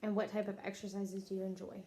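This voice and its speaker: A woman with a medium-pitched, dark-toned voice speaks at a quick pace in a level tone, with slight background noise. She conducts a scripted clinical questionnaire for a health history, working methodically through prepared questions and briefly acknowledging each answer.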